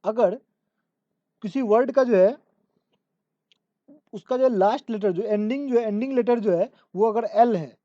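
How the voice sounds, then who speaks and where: Female tutor, a bit high, slow repetitive explainer, lo-fi recording. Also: dark tone, no echo. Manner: repetitive step-by-step explaining, reads English rules out slowly. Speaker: English grammar teacher. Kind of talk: exam-prep lesson. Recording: dull lo-fi dry recording.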